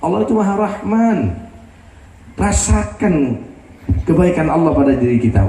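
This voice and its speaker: A male preacher giving an animated sermon, acting out the people in his stories. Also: sits high. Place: religious gathering. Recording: roomy sound from a distant mic.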